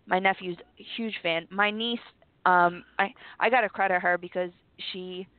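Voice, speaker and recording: A hoarse American woman co-hosts a casual show. Her voice sounds deep and worn, as if going. The audio is dry and a little muffled. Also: fairly even intonation, normal speed, no echo. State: hoarse, voice going, congested from bronchitis. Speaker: radio show co-host. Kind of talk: casual chat.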